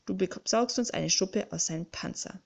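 A woman's voice: medium pitch, normal speed, vocal fry. A woman reading an audiobook, voicing a jovial, secretive male bookling creature who speaks dramatically and conspiratorially. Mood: hushed. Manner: dramatic, conspiratorial, grips and urges. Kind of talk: audiobook character voice.

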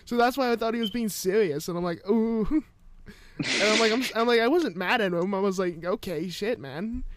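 A man's voice: high voice, fast, background noise. A young man co-hosting a podcast, telling a story in a rambling, casual way with many restarts. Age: young adult. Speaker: podcast co-host. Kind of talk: casual chat.

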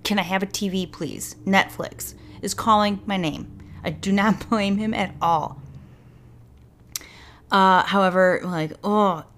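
A young woman hosting a true crime show, reading case notes and breaking into animated, sarcastic commentary with plenty of swearing. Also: mid-range voice, slow, slight background noise. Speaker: true crime podcast host.

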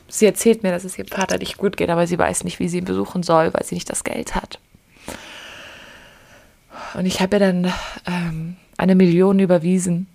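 A woman podcast host telling personal stories in a soft, often whispery, emotional way, close to tears. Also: on the low side, creaky. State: tearful. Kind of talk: personal storytelling.

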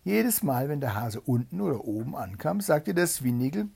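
A man telling an old fairy tale in an animated way. His voice is gravelly and somewhat husky. He moves his pitch up and down freely to keep the story alive. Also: moderate pace.

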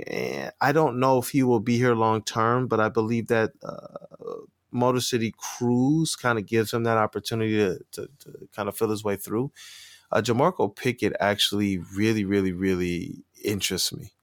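A man's voice: lowish voice, moderate pace, no echo, studio quality. A man who is a guest on a sports podcast, talking casually and hesitantly with many fillers.

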